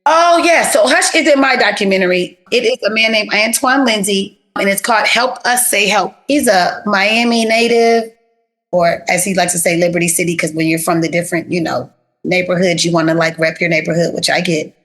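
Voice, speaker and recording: A woman therapist talks through stories in a relaxed interview with a bright, forward voice. She is animated and chatty, leaning on easy slang, and her pitch sits in an ordinary middle range. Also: moderate pace. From South Florida. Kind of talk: casual interview storytelling.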